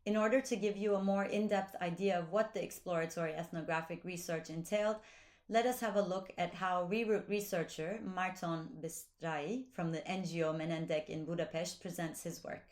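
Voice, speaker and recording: A woman reads scripted narration for a research project video. Her voice is slightly low, and her delivery stays even and formal throughout. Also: normal speed.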